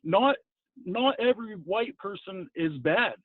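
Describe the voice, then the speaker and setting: A man with an American hillbilly twang calls in by phone, arguing in a plain-spoken, halting way. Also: high voice, lively intonation. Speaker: phone-in caller. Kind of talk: unscripted debate on a call-in show. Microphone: telephone. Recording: thin, narrow phone line.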